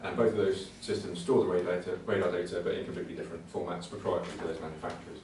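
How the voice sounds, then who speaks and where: Rapid-fire yet hesitant, a man with a low, even voice repeats words in a conversational way during an informal technical presentation with slides. He is speaking at a computing conservation talk inside a venue. The sound is very echoey, with a distant mic and faint noise.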